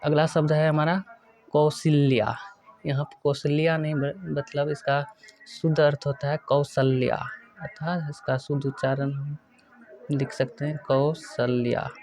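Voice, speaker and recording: Guy teaching spelling, kinda high voice, slow and methodical, repeats every word. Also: little pitch movement, a little mellow. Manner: methodical, repeats each correct spelling slowly. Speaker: Hindi grammar teacher. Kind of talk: exam-prep lesson.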